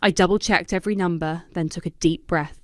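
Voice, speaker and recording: A woman narrating a first-person drama story in a steady, even voice. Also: on the low side, brisk, no echo, clean studio sound.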